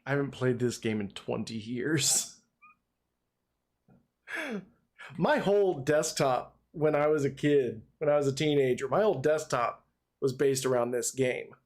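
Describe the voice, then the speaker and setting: A man's voice: medium pitch, animated, a little slow. A man in his thirties or forties giving casual, off-the-cuff commentary as he streams a video game.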